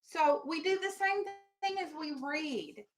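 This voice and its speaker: A woman elementary school teacher with a high, animated voice speaks a little slowly as she leads a classroom reading lesson and read-aloud. Her manner is instructional and questioning, and she is firm with her pupils.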